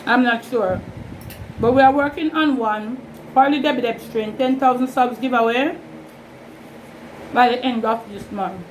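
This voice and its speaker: A woman vlogger with a fairly high pitch and a Jamaican accent chats through her eating show, relaxed and rambling. She uses informal, Creole-inflected phrasing. The recording is rough, and a fan hums steadily in the background.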